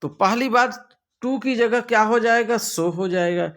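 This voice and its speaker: A man's voice: very high-pitched, unhurried, fairly bright tone. A man with a Hindi accent teaching an English grammar lesson, talking the class through answer options with playful, theatrical asides.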